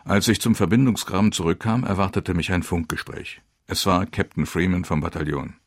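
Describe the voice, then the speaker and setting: A man giving grave, measured first-person narration of a war memoir. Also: low-pitched, no room sound, clean studio sound.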